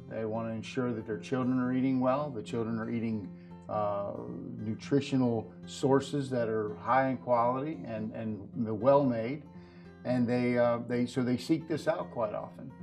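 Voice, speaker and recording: A middle-aged professional farrier appears as an earnest interview guest, explaining horse nutrition products at a display table on an indoor video set. His medium-pitched speech is wordy and halting, with a soft guitar bed underneath.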